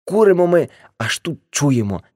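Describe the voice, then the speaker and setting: A woman's voice: deep voice, big pitch swings, normal speed, darkish tone, breathy edge, dry recording, clean studio sound, full character voice. A woman voicing an older man, a boastful ex-hippie uncle, telling rambling brash stories in an audiobook.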